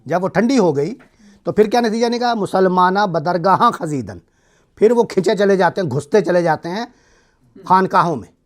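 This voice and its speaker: Man lecturing a class step by step. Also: high voice. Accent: Pakistani. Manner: explains step by step, asks students questions. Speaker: teacher.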